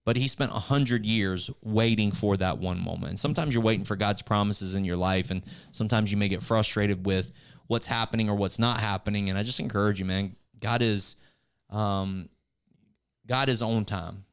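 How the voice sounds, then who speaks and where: A man's voice: lowish voice, fairly even intonation, normal speed, clean tone. A man, co-hosting a casual church video chat, rambling with frequent restarts and turning encouraging. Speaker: church staff co-host.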